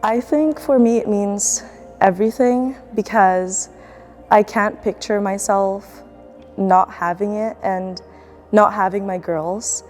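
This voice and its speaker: A woman's voice: medium pitch, steady tone, slow, a little mellow, soft background music. A young woman student athlete from the Philippines, speaking in a casual, reflective documentary interview with fillers and restarts. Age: young adult.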